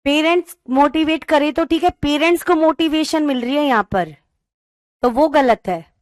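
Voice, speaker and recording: A woman teacher giving an online class, explaining slowly and reading questions out word by word. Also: high voice, no room sound, studio quality. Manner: calls students "beta", mixes English into talk.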